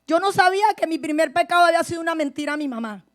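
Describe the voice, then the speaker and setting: A woman pastor giving her testimony in a sermon, speaking to her listeners directly and swinging between hushed and forceful delivery. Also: very high voice, rapid-fire.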